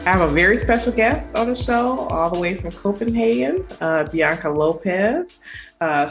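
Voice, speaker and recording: Low-voiced woman hosting a podcast. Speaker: podcast host. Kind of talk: podcast interview introduction.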